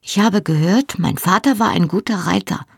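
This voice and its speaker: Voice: medium pitch, sing-song, unhurried, gravelly, breathy edge, no echo, clean studio sound, exaggerated voice. An audiobook reader voicing a small, curious young boy who asks questions hesitantly.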